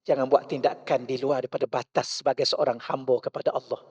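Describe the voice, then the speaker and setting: A male religious teacher with a Malaysian Malay accent gives a mosque lecture packed with rhetorical questions, moving between loud and hushed. His mid-range voice is level, fast, and husky, captured in a dry, clean studio recording.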